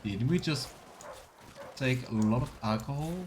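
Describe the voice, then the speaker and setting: With a medium-pitched, slightly mellow voice and a measured pace, a man narrates his fantasy role-playing game in a casual let's play, musing and murmuring to himself. Game music plays, and there's a little background noise.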